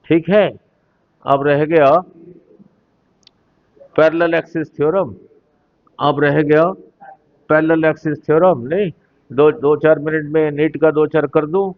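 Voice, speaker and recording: A man teaching a physics class, explaining slowly and deliberately and often asking his students whether they follow. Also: a little high, narrow, tinny audio. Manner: slow, deliberate explaining, mixing Hindi and English, asking the class questions. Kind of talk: classroom lecture on a whiteboard.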